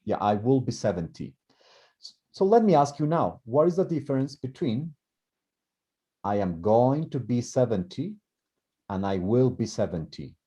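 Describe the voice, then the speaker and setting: Man, language teacher, mellow tone, muffled lo-fi recording, restarts a lot. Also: medium pitch, very animated, normal speed, pauses often. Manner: thinks aloud with many repeated words and restarts. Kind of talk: explaining grammar in class.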